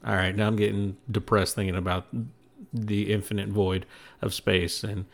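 A man with a slightly low voice hosts a solo podcast. He rambles from one thought to the next, mocks himself and laughs at his own jokes. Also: little pitch movement, moderate pace, vocal fry. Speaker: podcast host. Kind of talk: casual solo podcast monologue.

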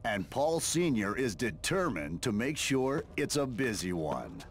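A lively video game narrator. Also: male voice, medium pitch, a little slow. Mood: announcing. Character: male game narrator setting up a mission.

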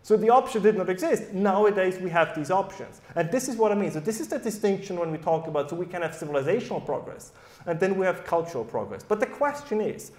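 A man with a German accent addresses a live audience in a loose, conversational way, often tossing in a quick "right?". His voice sits fairly high for a man and rings out in an echoey hall. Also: lively intonation, a little mellow. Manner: conversational, keeps checking in with "right?". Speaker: panel speaker. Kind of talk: live panel talk to an audience. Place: event hall at a summer school.

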